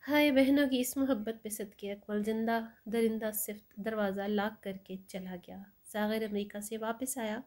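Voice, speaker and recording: A woman's voice: mid-range voice, fairly even intonation, moderate pace, hardly any pauses, a little mellow. A woman storyteller narrating an emotional story in a dramatic, mournful way.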